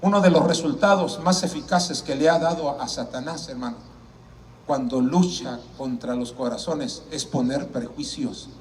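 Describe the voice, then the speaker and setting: A man preaching an evangelistic sermon, shouting fervently at times and dropping to a hush at others. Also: medium pitch, normal speed, recorded from a distance. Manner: fervent preaching, often shouting, swings from loud to hushed. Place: church or campaign hall.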